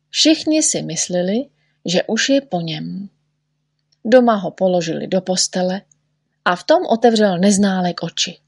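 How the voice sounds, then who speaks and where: A woman reading a children's story aloud with lively expression. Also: medium pitch, husky, dry recording, studio quality.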